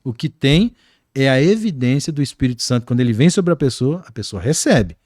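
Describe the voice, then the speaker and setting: A man with a Brazilian accent, a guest pastor talking in an animated, preaching-like way on a podcast. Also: mid-range voice, fairly quick, no echo, clean studio sound. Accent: Brazilian Portuguese. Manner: animated, acts out quoted voices.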